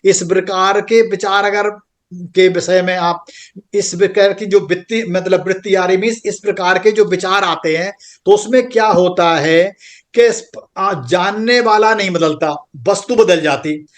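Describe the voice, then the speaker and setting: A man's voice: sits high, steady tone, unhurried. A man teaching a spiritual class online, explaining patiently and checking in with the listeners again and again. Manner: patient, repetitive explaining with frequent "theek hai". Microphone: computer microphone on an online group call.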